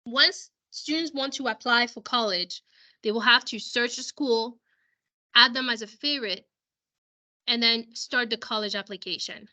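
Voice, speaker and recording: A school counselor who is losing her voice walks parents through some software over a video call, explaining as she goes and often restarting her sentences. Her pitch is on the high side, and she talks at a normal speed.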